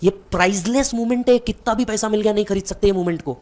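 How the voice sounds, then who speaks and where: A man's voice: sits high, fast, noisy background. A man giving a motivational speech, telling a dramatic story straight to the listener. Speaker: motivational speaker.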